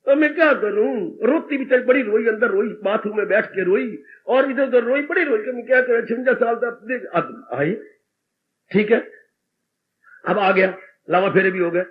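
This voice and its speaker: High-voiced man giving a discourse. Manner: animated storytelling with acted quotes and frequent laughter. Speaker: spiritual teacher. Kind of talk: devotional discourse. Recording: dull old tape recording with faint hiss.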